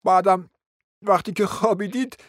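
A performer voicing a young man, a suitor, explaining in a soft, measured way in a radio play. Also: medium pitch, no room sound, clean studio sound, natural voice. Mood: calm. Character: young male suitor, calm and reasoning.

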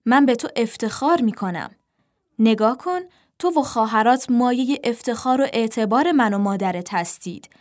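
Woman doing a shouting father crow. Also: on the high side, lightly acted. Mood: proud. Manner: scolding, shouting. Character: stern angry father crow, worried.

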